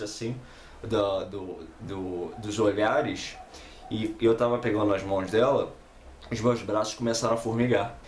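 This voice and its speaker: A man's voice: lowish voice, darkish tone. A man with a Brazilian Portuguese accent, casually telling a personal story as a channel host, talking conversationally with lots of tag questions. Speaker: host of a comic review channel. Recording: echoey room with faint background noise.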